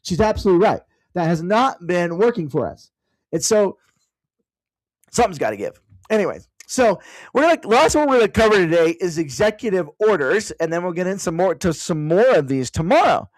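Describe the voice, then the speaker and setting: A man's voice: high-pitched, sing-song, fairly quick, no echo, poor audio. A man hosting a casual learning session at home, thinking aloud and drifting into "by the way" asides. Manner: digressive, with frequent "by the way" asides; thinks aloud while searching online. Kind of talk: casual explanatory talk to an online audience.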